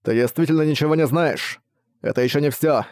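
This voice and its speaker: A man's voice: a little high, brisk, darkish tone, no echo, natural voice. A man voicing a zealous male cult assassin who declaims his god's will, raising his voice, in a dry recording. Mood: fanatical. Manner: declaiming, fanatical.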